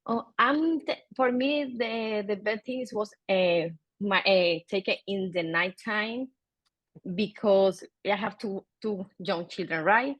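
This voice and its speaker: A woman's voice: mid-range voice, slow pace, dry recording. A woman from the Dominican Republic answering on a panel, speaking directly and simply with some slips. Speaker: panelist, former adult learner.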